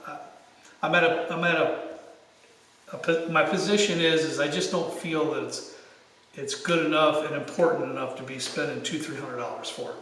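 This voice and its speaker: A man's voice: fairly high pitch, a bit bright. A man hosting a casual livestream in a rambling, repetitive way, with a big hall echo around his voice. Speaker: show host. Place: unfinished basement with bare floor. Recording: big hall echo, distant mic, faint noise.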